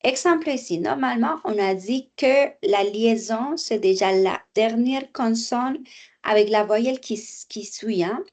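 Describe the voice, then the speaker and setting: A woman teaching French at an unhurried, deliberate pace. She explains exercises patiently, repeats each phrase and now and then slips into for her students. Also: fairly high pitch, darkish tone. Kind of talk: online language lesson, explaining exercises.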